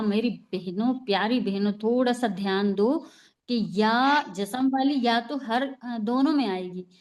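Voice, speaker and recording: A woman's voice: fairly high pitch, darkish tone. A woman teaching Quran recitation rules in an online class, patient and repetitive, often checking with "right?". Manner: patient, repeats rules and asks "है ना?". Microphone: online class call.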